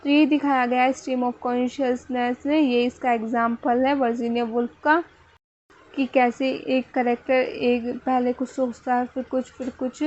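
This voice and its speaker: A woman gives an exam-focused literature lecture in a high, fairly even voice. She explains in Hindi and reads her English notes at a slow, halting pace, repeating and correcting words as she goes. The recording sounds a little dull and lo-fi. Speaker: teacher.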